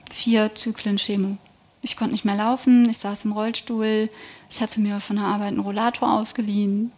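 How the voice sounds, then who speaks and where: A woman's voice: medium pitch, darkish tone. A woman guest giving a personal faith testimony in an interview, telling her story in an earnest, emphatic way.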